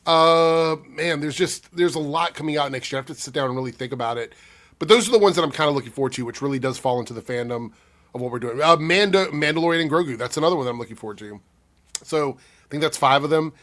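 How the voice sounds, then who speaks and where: Guy w a cold, kinda breathy, casual youtube q&a talk, thinks out loud. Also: on the high side, fast talker. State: under the weather with a cold. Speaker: YouTube commentator. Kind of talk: casual talk answering viewer comments.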